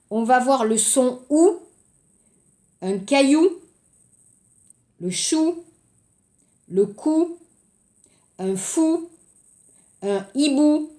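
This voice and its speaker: A woman teaching French in a recorded lesson, going slowly and explaining word by word. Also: on the high side, darkish tone, reverberant.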